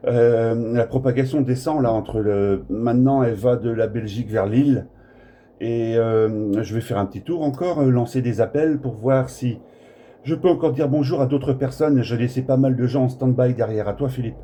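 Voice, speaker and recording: In a warm, mid-range voice at normal speed, a French radio operator from Brittany rambles through a casual contact, blunt and colloquial throughout. A smartphone in the room made the recording, which is clear with faint background noise.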